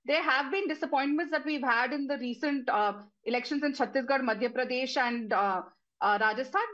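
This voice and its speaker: A woman's voice: high-pitched, fairly bright tone. A woman speaking as an opposition spokesperson in a political debate, combative and insistent, over a dull feed.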